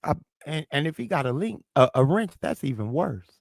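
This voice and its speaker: Hosting a livestream, this man swings his fairly high voice widely in pitch, with vocal fry at a normal speed. He has a lisp and a St. Louis accent from the American South Midwest, and he's confrontational and profane, firing back at chat. The recording is dry and studio quality.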